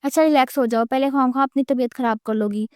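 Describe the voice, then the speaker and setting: A woman voicing a gentle, caring young husband in a romance story, speaking softly and soothingly. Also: high voice, steady tone, no room sound, clean studio sound, lightly acted.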